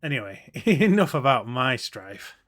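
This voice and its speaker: A man's voice: medium pitch, very animated, a little slow, a bit bright. A man hosting a livestream with casual, rambling, sarcastic commentary on a game show. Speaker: livestream host.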